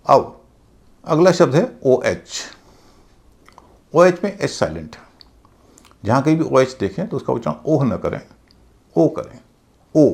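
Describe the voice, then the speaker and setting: A man's voice: medium pitch, creaky, a little mellow. A male teacher giving a methodical lesson on English pronunciation, patiently spelling out words letter by letter. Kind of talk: explanatory lesson.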